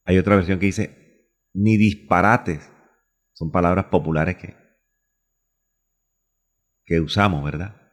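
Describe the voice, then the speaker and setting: A man's voice: sits low, steady tone, measured pace, pauses often, long reverb tail. A man from Colombia preaching a radio sermon, asking himself questions and repeating phrases for emphasis. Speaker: pastor.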